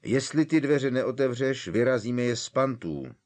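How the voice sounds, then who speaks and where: A man voicing a determined schoolboy wizard who talks quiet and firm. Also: low voice. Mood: forceful. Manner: quiet, then firm and forceful.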